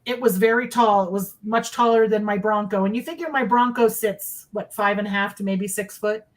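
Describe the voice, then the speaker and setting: A woman's voice: medium pitch, fairly even intonation, fairly quick. Middle-aged woman telling a personal story. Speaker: guest recounting sightings. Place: indoors in a dim room, on a video call.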